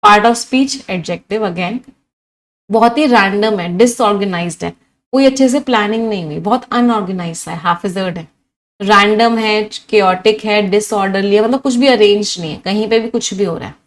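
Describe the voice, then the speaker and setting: Mixing Hindi with English, a woman of medium pitch teaches vocabulary in a live online class at a moderate pace. She energetically reels off one synonym after another and keeps quizzing the students.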